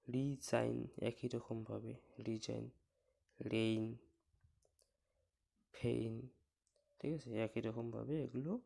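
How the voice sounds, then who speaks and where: A man teaching English pronunciation rules in a slow step-by-step lesson, spelling words out letter by letter and patiently asking and answering his own questions. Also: medium pitch, creaky, a little mellow.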